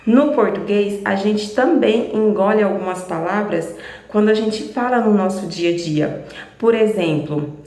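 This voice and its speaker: A woman's voice: medium pitch, measured pace, a little mellow, reverberant. A woman teaching English online in a chatty way, repeating examples and speaking straight to her viewers. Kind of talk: casual online lesson.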